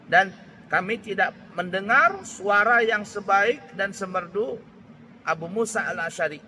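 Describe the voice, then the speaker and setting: A man giving a religious lecture at an Islamic boarding school, unhurried and searching for words, often restarting. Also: high voice, expressive, pushed and bright, a little hiss or hum. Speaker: preacher.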